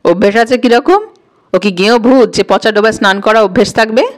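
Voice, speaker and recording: A woman's voice: medium pitch, steady tone, fast talker, close to an everyday voice. A woman voicing a stern, irritable young city man who speaks in a curt, scolding way. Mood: angry.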